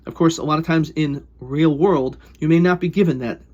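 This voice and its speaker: A man's voice: fairly high pitch, moderate pace, a little mellow, lo-fi sound. A man teaching as a rabbi in an explanatory, questioning way, posing rhetorical questions and repeating points for emphasis. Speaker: rabbi teaching a Talmud lesson. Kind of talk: explanatory religious lesson.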